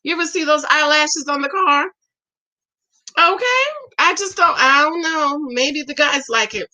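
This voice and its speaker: A chatty woman in her forties reviews a show on a livestream, reading comments and answering them with sass. Her voice sits high and has a bright, forward edge. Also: lively intonation, a little slow. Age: 40s. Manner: sassy, chatty, reads comments aloud and reacts.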